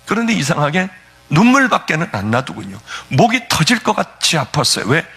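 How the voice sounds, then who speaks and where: Male pastor, high and lively delivery, fervent testimony, husky tone. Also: brisk. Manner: fervent, tearful storytelling with sudden pitch swings. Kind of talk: emotional testimony sermon.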